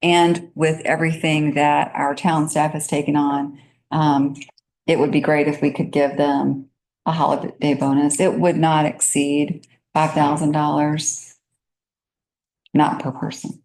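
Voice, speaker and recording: A woman's voice: sits low, little pitch movement, a little slow, darkish tone. A woman serving as town manager, reporting to a council meeting with frequent hesitations and fillers.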